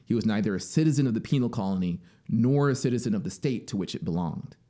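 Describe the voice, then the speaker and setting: A man in his thirties narrates literary fiction in dramatic audiobook style, speaking close to a boom-arm studio mic in a small home music studio. He talks fast, with a fairly low, warm and expressive voice.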